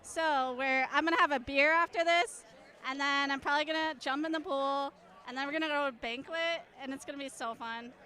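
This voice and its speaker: Bright high-voiced giddy woman. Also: steady tone, fairly quick, some chatter behind. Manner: giddy, emotional. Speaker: winning player interviewed.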